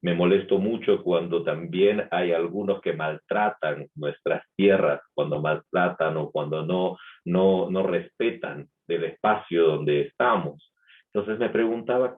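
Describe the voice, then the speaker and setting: A man's voice: sits low, a little slow. A man with a light Peruvian accent preaching a Sunday sermon in a reflective manner, asking rhetorical questions. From Peru. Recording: tinny phone-like sound.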